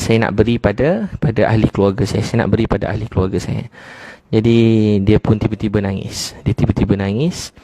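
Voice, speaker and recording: A middle-aged man with a Malaysian Malay accent preaching a humorous sermon to a congregation. He tells stories animatedly and slowly chants some phrases in a sung tone. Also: fairly low pitch, darkish tone, no room sound.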